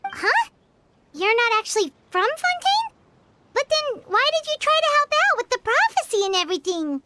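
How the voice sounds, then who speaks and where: A woman voicing Paimon, a tiny, excitable floating companion in a game cutscene, who stammers when flustered. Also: extremely high pitch, normal speed, background noise. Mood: surprised. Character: tiny floating female companion, chirpy and fretful.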